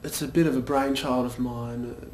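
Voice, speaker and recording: A man's voice: medium pitch, steady tone, moderate pace, darkish tone, lightly acted. A young man playing a vain, pompous band frontman in a mockumentary interview, hesitant and full of fillers. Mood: smug. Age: young adult. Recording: echoey room with faint noise.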